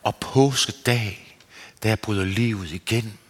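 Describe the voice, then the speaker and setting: A man giving an earnest, searching sermon as a preacher, his pitch rising and falling. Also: husky. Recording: long hall reverb.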